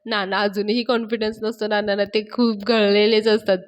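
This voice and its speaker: A woman's voice: medium pitch, little pitch movement, moderate pace. A woman reviewer retelling a TV serial episode in a storytelling manner, addressing her viewers as "folks".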